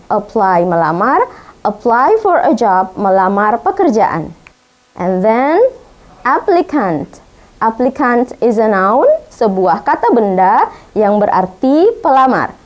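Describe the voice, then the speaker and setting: A woman's voice: a little high, very animated, slow. A woman teacher with an Indonesian accent, giving a bilingual English vocabulary lesson and drilling pronunciation carefully, repeating each word.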